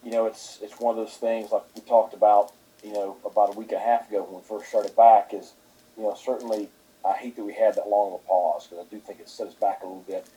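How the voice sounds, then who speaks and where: Brief: male head coach at a press conference, low husky voice, halting with lots of fillers. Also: level tone, mellow, poor audio.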